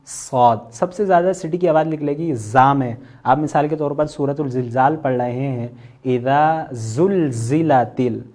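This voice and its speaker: A man with a Pakistani Urdu accent teaching an online Quran recitation class, patiently explaining and slowly sounding out letters as examples. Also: a little high, darkish tone. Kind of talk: online tajweed lesson.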